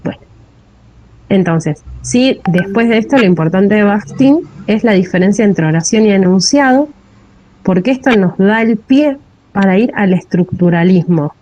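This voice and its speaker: Rioplatense woman teacher, dark and mellow. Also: mid-range voice, lively intonation, moderate pace, poor audio. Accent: Rioplatense Spanish. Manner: checks in often with a rising "¿sí?". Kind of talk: classroom lecture on linguistics.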